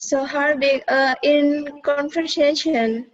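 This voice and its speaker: A woman student answering in halting English, hesitant and pausing often. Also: sits high, fairly even intonation. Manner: hesitant, many pauses and fillers. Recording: dull lo-fi video call audio.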